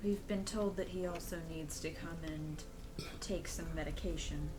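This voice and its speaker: A woman's voice: fairly low pitch, steady tone, normal speed. A woman playing a tabletop game who speaks in a matter-of-fact way. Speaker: player. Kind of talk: casual tabletop play. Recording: noisy recording.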